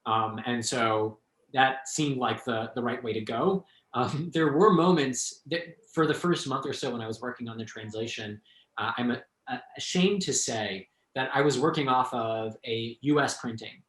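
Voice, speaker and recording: A thoughtful man talks about his translation work at a relaxed, hesitant pace, dotting his sentences with fillers. His voice sits in a middle register, and the room around him gives a noticeable echo. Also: medium pitch, normal speed. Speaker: translator, guest speaker. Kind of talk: conversational talk.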